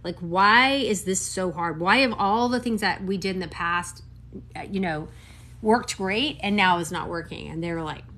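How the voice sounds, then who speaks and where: A woman in her fifties, a doctor, talking casually to camera in an animated, emphatic way with quick asides. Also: on the low side. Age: 50s.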